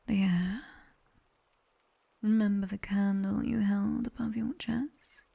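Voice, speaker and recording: In a soft, whispered ASMR roleplay, a British woman voices a sharp-tongued demoness tutor who teases her listener. Her medium-pitched voice is slightly rough with vocal fry, and she speaks slowly and in a hush, playful yet bossy.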